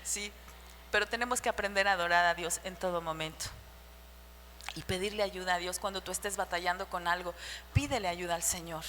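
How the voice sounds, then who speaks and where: A woman preaching a sermon to the women of her church, with a shrill voice, sharing personal stories and asking the listeners rhetorical questions. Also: fairly even intonation, fairly quick, fairly bright tone. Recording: church hall reverb with faint hum.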